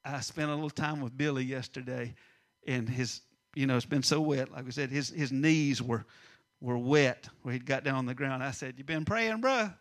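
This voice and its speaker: A middle-aged man preaching a sermon, swinging between loud emphasis and hushed asides. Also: medium pitch, flat delivery, normal speed, hardly any pauses. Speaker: pastor.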